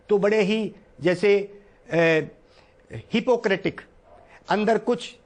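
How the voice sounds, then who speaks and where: High-voiced man giving a devotional talk. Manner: recites verse then explains it line by line, earnest and pleading. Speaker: spiritual teacher. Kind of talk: devotional discourse explaining Sanskrit verse.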